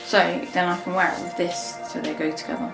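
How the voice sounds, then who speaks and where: Over music, a young English woman chats casually to camera for her lifestyle vlog, wandering between home and garden and rambling with fillers. She talks fast in a level tone, her pitch fairly low and creaky. The audio has a roomy echo with faint ambient noise.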